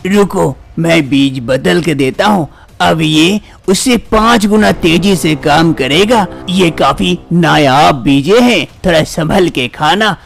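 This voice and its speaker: A man voicing a calm old male village healer in a cartoon story, giving advice. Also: on the high side, takes it slowly, vocal fry, soft background music, exaggerated voice. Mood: advising. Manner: calm, advising.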